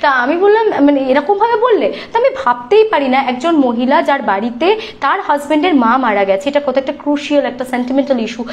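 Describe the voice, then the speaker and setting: Bengali lady youtuber venting a story live, high voice that swoops all over the place. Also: fast talker. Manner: animated, indignant, acts out the people she quotes. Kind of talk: casual storytelling chat.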